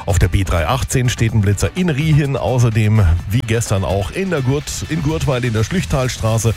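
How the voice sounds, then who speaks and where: A man's voice: medium pitch, animated, moderate pace, over music. A man hosting a morning radio show, chatty and upbeat, reading traffic and speed camera reports.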